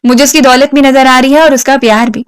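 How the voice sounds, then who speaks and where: A woman's voice: sits high, steady tone, clear, resonant tone, no echo, studio quality, lightly acted. A woman voicing a young woman who speaks firmly and earnestly. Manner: firm, then earnest and tearful. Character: young woman set on marrying up, then a pleading friend.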